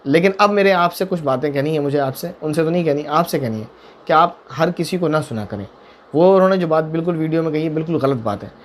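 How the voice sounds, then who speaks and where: A man serving as mufti talks through viewers' religious questions in quick, rushing speech. His voice sits a little high, and he drives points home with repetition and pointed rhetorical questions. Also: a little hiss or hum. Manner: emphatic, repeats points, asks rhetorical questions. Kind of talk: religious Q&A talk.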